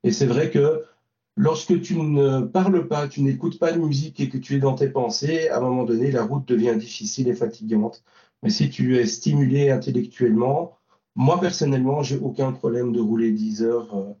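Heard through a dull, roomy, distant lo-fi recording, this man from Belgium talks in an interview about a trip he made as a volunteer driver. He is hesitant, full of fillers and restarts. His medium-pitched, mellow voice keeps a fairly even intonation at a moderate pace.

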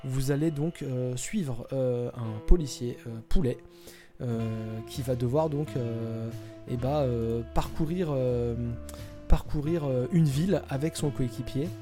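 A man's voice: mid-range voice, a little slow, mellow, faint music behind. A man hosting a casual podcast chat, talking hesitantly with lots of fillers and restarts. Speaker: podcast host presenting a topic.

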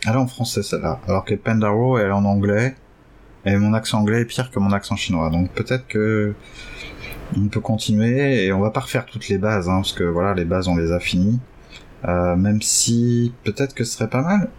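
A man hosting a casual chat who hesitates a lot and jumps up excitedly in pitch now and then. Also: moderate pace. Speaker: podcast host learning Chinese.

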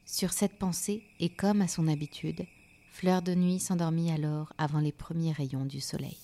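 A woman narrating a children's story, gentle and soft, sometimes dropping to a whisper. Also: low-pitched, fairly even intonation, normal speed.

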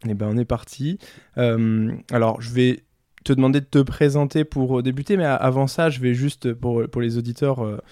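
Mellow-voiced podcast host, halting. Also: male voice, mid-range voice, fairly even intonation, no room sound, studio quality. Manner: hesitant, friendly, many fillers. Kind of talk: conversational interview.

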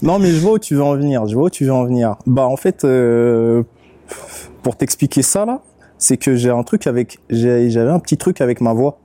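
A man, a rapper and beatmaker, speaking as a guest in a casual interview, relaxed and unhurried, often pausing to search for his words. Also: mid-range voice, dry recording. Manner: relaxed, unhurried, with many fillers and restarts.

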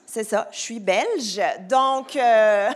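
A woman's voice: on the high side, very slow. A woman with a Québécois French accent hosting a festival ceremony on a live stage, bantering and teasing the audience in a stand-up style. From Quebec.

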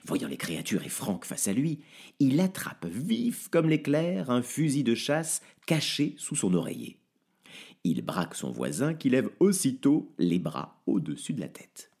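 Narrateur au ton très animé. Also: male voice, mid-range voice, measured pace, vocal fry, husky. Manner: lively, expressive. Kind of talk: audiobook narration.

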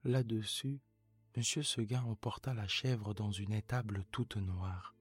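Calm guy reading a sleep story, super low and flat, soft music behind. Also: breathy edge. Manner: calm, soothing, unhurried.

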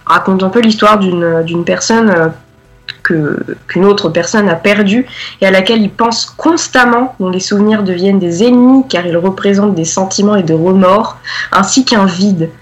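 A woman's voice: medium pitch, moderate pace. A woman presenting a song on a radio show, hesitant with many filler sounds and modest. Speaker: radio columnist. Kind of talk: casual radio chat. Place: radio studio.

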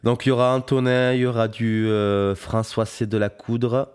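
A man's voice: mid-range voice, little pitch movement, normal speed, a little mellow, clean tone. A young man hosting a podcast in casual chat, hesitant and full of fillers. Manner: hesitant, many fillers, friendly. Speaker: podcast host, guitarist.

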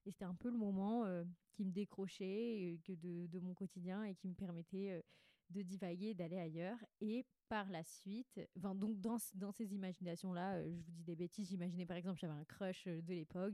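A podcast host in her twenties speaks with a stuffy, congested nose in a mellow voice of average female pitch, recorded very dry with no room echo. Her tone is steady and her pace fairly quick as she delivers a casual, confessional, slangy monologue like a diary entry, candidly rambling and often correcting herself mid-sentence.

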